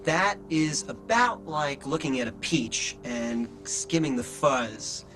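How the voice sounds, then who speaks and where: A man's voice: fairly high pitch, expressive, takes it slowly, over music. A man in a documentary interview, explaining in an emphatic, vivid storytelling way.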